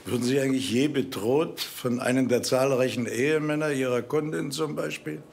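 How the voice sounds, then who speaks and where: A man's voice: mid-range voice, moderate pace, creaky, a little mellow, natural voice. A man playing a dry, level-headed detective. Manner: dry, matter-of-fact. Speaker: police detective. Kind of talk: TV crime drama acting. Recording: noisy TV soundtrack.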